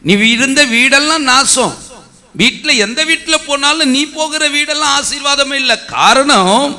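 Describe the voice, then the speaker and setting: A male pastor with a Tamil accent preaching a sermon, scolding and exhorting the congregation with sudden shouted bursts. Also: very high voice.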